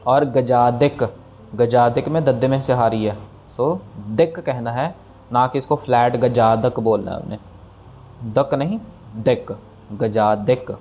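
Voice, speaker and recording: A man teaching the careful pronunciation of sacred verses, chanting each line slowly and then explaining the sounds patiently. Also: mid-range voice, a little mellow, soft background music. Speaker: recitation teacher. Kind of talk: slow line-by-line pronunciation lesson.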